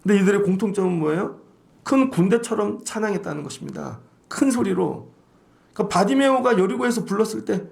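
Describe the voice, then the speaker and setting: Male pastor, high and gravelly, animated sermon delivery. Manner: animated preaching, acting out voices of others.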